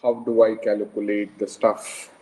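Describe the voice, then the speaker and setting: A man's voice: lowish voice, completely flat delivery, a little slow, mellow. A man with a South Indian Kannada accent giving a live online lecture step by step, informally, often putting questions to his students. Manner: informal, frequent questions to students, repeats phrases. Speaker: engineering lecturer. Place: online class over a video call, screen shared. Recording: dull lo-fi online call audio.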